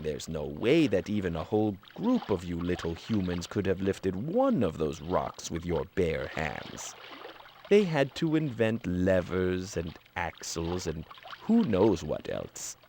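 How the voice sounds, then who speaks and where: A man's voice: sits low, a little mellow, slight background noise, exaggerated voice. A man voicing a snooty talking toy creature that lectures humans about their species in a sarcastic, condescending way.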